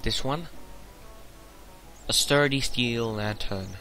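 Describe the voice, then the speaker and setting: A young man commenting on his own gameplay in a casual let's-play, muttering to himself, swearing often and breaking into sudden loud outbursts. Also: mid-range voice, takes it slowly, faint music behind. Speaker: gamer narrating his play.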